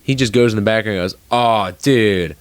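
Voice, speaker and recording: Deep-voiced young man telling stories fast. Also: dry recording. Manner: fast, profane, animated storytelling. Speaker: podcast co-host. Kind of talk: casual chat.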